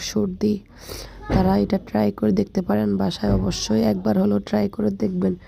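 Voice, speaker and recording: A woman, hoarse from a cold, chatting to her viewers as friends in a casual food voice-over. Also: mid-range voice, background noise. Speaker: food vlogger.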